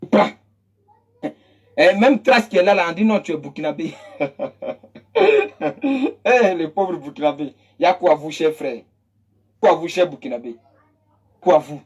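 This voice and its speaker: A political commentator from Côte d'Ivoire, with an Ivorian French accent, delivers an impassioned monologue that is emphatic and mocking, repeating phrases for effect. The voice is medium-pitched, a little mellow, and husky.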